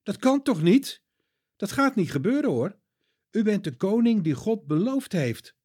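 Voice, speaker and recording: A man voicing the disciple Peter, an impulsive and eager grown man, speaking loud and excited in a children's story reading. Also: medium pitch, normal speed, no echo, clean studio sound, lightly acted. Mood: upset. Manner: excited, raised voice.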